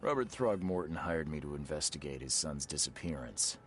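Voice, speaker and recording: A man's voice: very deep voice, animated, moderate pace, fairly bright tone, a little hiss or hum. A man playing a hard-boiled, intimidating private investigator in a video game, with a terse, dry delivery. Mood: stern pressure. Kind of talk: video game character acting.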